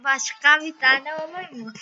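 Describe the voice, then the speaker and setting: Man acting as sweet girl gamer, coy, halting, bright sharp tone, casual game voice chat, slightly dull noisy audio. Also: very high-pitched, soft background music, full character voice. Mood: coy, pleading. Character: young woman gamer, coy and sweet, asking favours.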